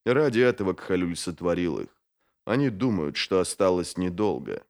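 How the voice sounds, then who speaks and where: A man doing a hushed, grave old mage. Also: expressive. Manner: slow, low, hushed. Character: calm weary old male mage, grave.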